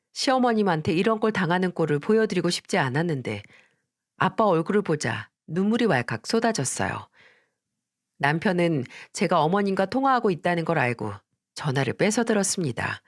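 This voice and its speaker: A woman narrating a first-person story in an expressive, indignant manner. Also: on the low side, no echo, studio quality.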